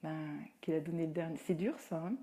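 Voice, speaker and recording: A woman's voice: low voice, fairly even intonation, a little fast, warm tone. A woman answering viewers' questions on a Facebook live, giving chatty parenting advice with many fillers and acting out what she says to children. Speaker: parenting coach and teacher. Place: at home.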